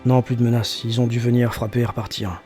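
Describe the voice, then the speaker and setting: A man plays a weary convoy captain in a fantasy tabletop game. He sounds resigned and practical, with a dark, relaxed timbre and faint music underneath. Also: mid-range voice, fast talker, close to an everyday voice. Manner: resigned, matter-of-fact. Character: weary, pragmatic male captain of a convoy escort.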